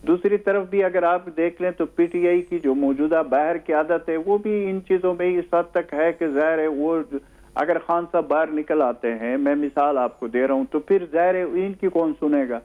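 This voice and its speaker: A male analyst speaks over a tinny, phone-like line. His voice sits a little high, and he talks in a measured way, pausing often and restarting his sentences as he explains his view. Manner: measured, hesitant with many fillers. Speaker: political analyst guest. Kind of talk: studio talk show discussion.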